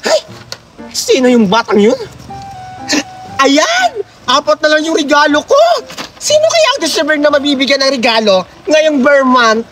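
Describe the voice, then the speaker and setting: A man putting on the voice of a bossy middle-aged woman who hands out gifts to children and scolds them loudly. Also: very animated, unhurried, faint music behind, exaggerated voice. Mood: cheery. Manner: scolding, shrill, theatrical.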